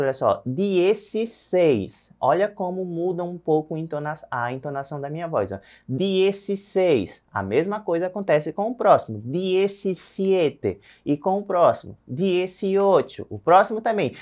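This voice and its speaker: A Brazilian male teacher leads a recorded lesson and talks straight to his viewers. He stretches each number out slowly and clearly for learners to repeat. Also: on the high side. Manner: addresses viewers directly, draws out numbers slowly. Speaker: Spanish teacher.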